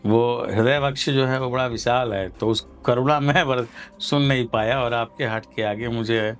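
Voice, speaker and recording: A tired man speaking as a religious guru, measured and formal, pausing often with fillers. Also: medium pitch, fairly even intonation, smooth, soft background music. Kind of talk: devotional discourse.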